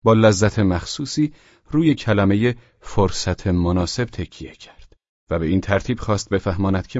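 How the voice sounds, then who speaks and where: A man narrating an audiobook in a calm, even storytelling manner. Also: low-pitched, no room sound, lo-fi sound.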